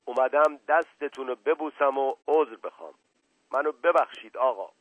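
A man voicing a middle-aged father, speaking with excited, earnest emotion, heard over a narrow-band radio broadcast. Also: mid-range voice, no room sound, voice pushed up, lightly acted. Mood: apologetic.

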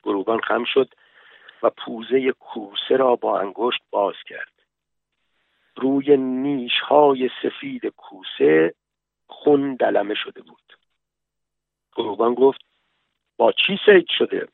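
A man reading a literary story aloud at a measured, unhurried pace, his mid-range voice flattened into a thin, phone-like band as if over an old radio. The sound is dry and close, with no room echo around it. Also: medium pitch, creaky. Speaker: narrator. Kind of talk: literary audiobook narration. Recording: tinny, dry radio broadcast.

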